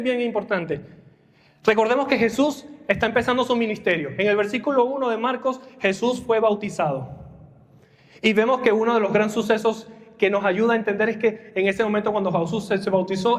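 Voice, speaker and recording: A man's voice: high-pitched, in a large hall. A young male preacher giving a sermon, dramatically acting out the lines of the people in the story. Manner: dramatic, acts out Bible characters' lines.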